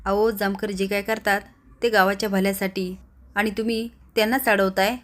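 A woman's voice: medium pitch, flat delivery, normal speed, natural voice. A woman voicing an angry young male constable who scolds an elder. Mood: scolding.

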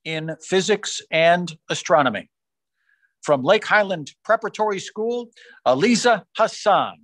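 Reading science fair awards on a video call, a man keeps a measured, formal delivery yet sounds animated, climbing in pitch whenever he says a school name. His fairly bright voice comes through a call microphone in a small room with no room sound.

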